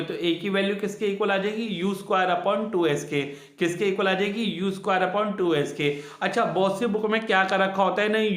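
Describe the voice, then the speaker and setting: Echoey high-voiced male physics teacher. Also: a bit bright. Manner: repeats each key answer twice, asks the students questions. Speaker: science teacher. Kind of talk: classroom physics lesson.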